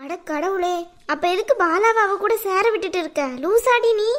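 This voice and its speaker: A woman voicing a loud, nosy younger sister in a cartoon who fires off scolding questions. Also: very high voice, moderate pace.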